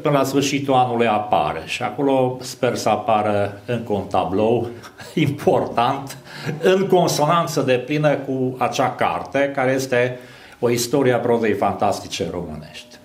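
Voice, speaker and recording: A man in his sixties gives a thoughtful talk at a book launch, pausing often between phrases. His voice comes through a stand microphone in a small room with noticeable echo. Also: medium pitch, lively intonation. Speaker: literary critic. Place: small hall with a banner backdrop. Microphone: mic on a stand.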